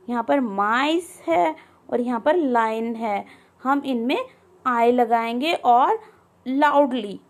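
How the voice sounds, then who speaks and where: A woman teacher explaining a lesson for young children, patiently asking questions and answering them herself. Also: high voice.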